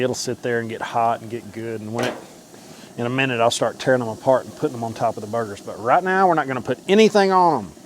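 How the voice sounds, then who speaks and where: A man with a slightly high voice hosts a casual cooking vlog. He talks to the camera in a folksy, informal way while he works. Sizzling and frying food can be heard clearly behind him. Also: a little mellow, slight background noise. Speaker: host of a home cooking vlog. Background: food sizzling on a grill.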